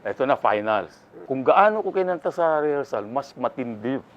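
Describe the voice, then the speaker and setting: A man's voice: mid-range voice, very animated, moderate pace, muffled recording, slight background noise. An older man from the Philippines, a guest in an interview, telling his story casually and acting out the voices of the people in it.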